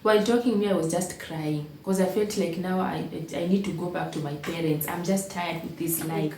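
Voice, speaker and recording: A woman's voice: on the low side, steady tone, normal speed, darkish tone, distant mic. A young Kenyan woman telling her own life story to the camera, emotional and repeating phrases for emphasis. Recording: echoey room, voice a bit off-mic, faint background hum.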